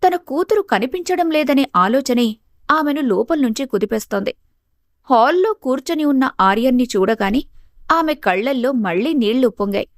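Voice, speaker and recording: A woman storyteller reading a scripted family story in a steady, even way. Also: sits high, normal speed, no echo, studio quality.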